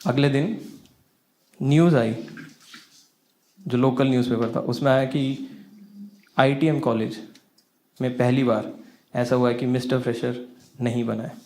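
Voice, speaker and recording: A young man doing stand-up, spinning a story with lots of energy and a voice that keeps climbing into exasperated bursts. His pitch sits in the middle range for a man. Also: a little slow, long pauses. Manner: animated, rising to exasperated outbursts. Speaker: stand-up comedian.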